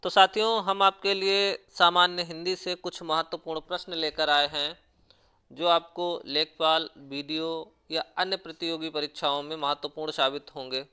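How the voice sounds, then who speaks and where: A man's voice: fairly high pitch, flat delivery, normal speed, pushed and bright, smooth. A man teaching an exam-prep lesson, reading out quiz questions and their options, then explaining the answers.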